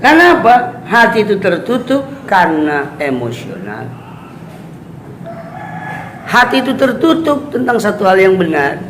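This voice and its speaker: Man, casual religious lesson, unhurried delivery, slightly high voice, echoey hall, faint hum behind. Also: sing-song, fairly bright tone. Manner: chatty, asks "ya kan?" often, acts out quoted voices with laughs. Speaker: Islamic teacher giving a kitab study. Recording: echoey room with faint ambient noise.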